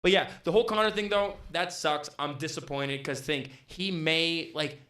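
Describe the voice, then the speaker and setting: A man's voice: on the high side, normal speed, sharp tone, clear, resonant tone. A young man co-hosting a casual podcast, talking in a laid-back way with lots of filler words and swearing. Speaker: podcast co-host.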